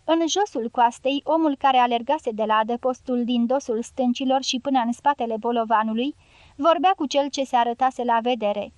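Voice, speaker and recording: A woman narrating a novel as an audiobook in a steady, even storytelling manner. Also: fairly high pitch, no echo.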